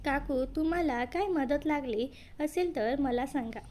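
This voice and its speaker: A woman's voice: sits high, a little slow, darkish tone, slight background noise. A woman voicing a shy, nervous young man in a read-aloud story, speaking hesitantly.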